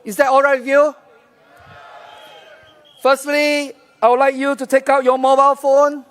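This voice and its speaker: Singaporean male candidate, very high voice, political rally speech, speaks straight to the crowd. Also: flat delivery, moderate pace, fairly bright tone. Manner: addresses crowd directly with questions and instructions. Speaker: election candidate. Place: outdoor rally field, over a PA.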